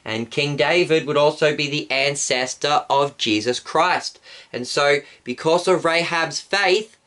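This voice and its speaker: A male pastor calmly telling a Bible story for children and explaining it step by step. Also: a little high, measured pace. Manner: calm, explanatory, acts out shouts.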